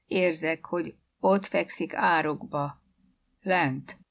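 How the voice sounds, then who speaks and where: A woman reading a story aloud, voicing a frightened servant woman in a low, hushed, slow voice. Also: steady tone, vocal fry. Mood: fearful.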